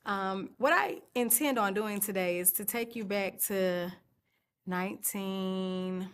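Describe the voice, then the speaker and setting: A woman, telling her life story on stage in short, reflective, halting phrases. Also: medium pitch, a little hiss or hum. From Atlanta, Georgia, USA. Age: 40s. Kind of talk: personal storytelling monologue.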